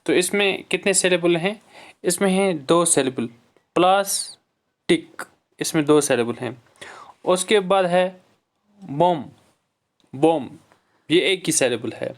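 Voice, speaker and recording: A male English teacher giving a classroom lesson on syllables. He reads each English line slowly, explains it in Hindi, calls his students dear children and clears his throat often. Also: high-pitched.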